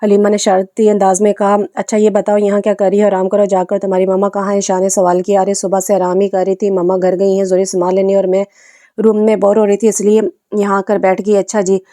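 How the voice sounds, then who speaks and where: A woman reading a romance novel aloud, narrating and voicing every character in the same steady tone, with small slips and restarts. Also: mid-range voice, fast, no room sound, clean studio sound. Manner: voices every character in her own voice.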